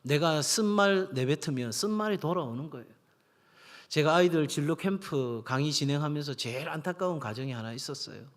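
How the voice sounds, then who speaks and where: A man's voice: a little high, expressive, fairly quick. Middle-aged male pastor preaching. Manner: storytelling, acts out voices in anecdotes. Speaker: senior pastor. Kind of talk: sermon. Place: church sanctuary. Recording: long hall reverb.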